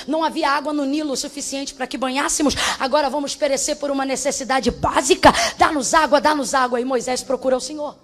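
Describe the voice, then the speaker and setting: High-pitched lady preacher, fiery, yelling refrains, soft music under her. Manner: fiery, shouting refrains, speaking in tongues. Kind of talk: sermon. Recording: faint music behind.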